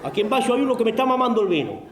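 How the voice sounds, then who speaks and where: A man with an Asturian accent telling a comic folk tale in an earthy, animated way. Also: very high-pitched, very fast, roomy sound, a crowd in the background. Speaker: storyteller.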